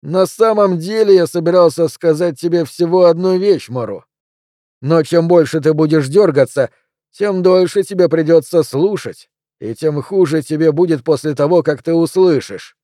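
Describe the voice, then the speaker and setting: A man's voice: on the high side, moderate pace, dark tone, no room sound, studio quality, voice pushed up, natural voice. A man playing a sneering teen bully. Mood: menacing. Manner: lazy, insinuating, threatening. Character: sneering, menacing teenage boy bully.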